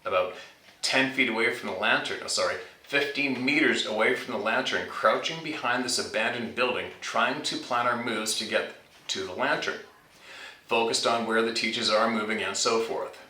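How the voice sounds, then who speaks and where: Reading a viewer's submitted horror story aloud, a channel host talks it over in a casual way. He speaks at a moderate pace in a sharp, mid-range voice, and the recording is echoey with the mic set far from him.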